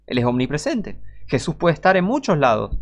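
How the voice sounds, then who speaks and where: With a fairly high voice that swings hugely in pitch, this Rioplatense-accented man preaches informally at normal speed. His sermon is emphatic and full of rhetoric, aimed straight at the listener.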